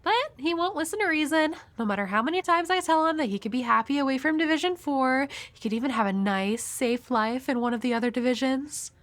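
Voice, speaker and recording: A woman's voice: high voice, brisk, few pauses, fairly bright tone. Himeno, a woman playing a flirty, world-weary devil hunter. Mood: wistful, resigned. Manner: teasing, coy, breathy at times. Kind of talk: intimate audio roleplay addressed to the listener.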